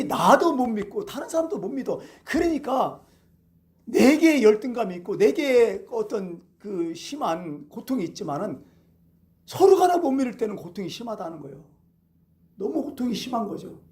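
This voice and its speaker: A man's voice: very high-pitched, normal speed. A male pastor preaching a Sunday sermon, telling stories and asking the congregation rhetorical questions. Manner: animated storytelling with rhetorical questions.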